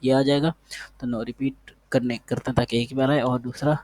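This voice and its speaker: Male coding tutor, medium pitch, monotone delivery, casual think-aloud style. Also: normal speed. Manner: thinks aloud while typing, repeats words, talks to the code. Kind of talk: casual screen-share coding lesson.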